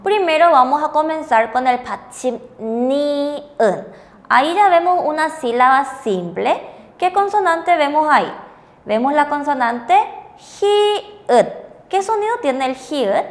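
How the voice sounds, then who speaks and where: High-voiced woman teaching. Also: lively intonation, measured pace, long reverb tail. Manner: patient, checks understanding with frequent rhetorical questions. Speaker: Korean language teacher. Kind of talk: bilingual classroom lesson on TV.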